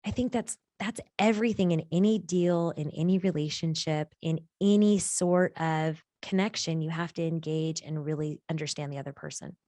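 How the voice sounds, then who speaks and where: A woman telling a story on a video-call podcast, her voice jumping high whenever she acts out what others said. The recording is dry and close, with no room sound. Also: moderate pace, few pauses, no echo. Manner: lively, acts out quoted people with big pitch jumps. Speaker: guest. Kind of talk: animated storytelling in a podcast chat.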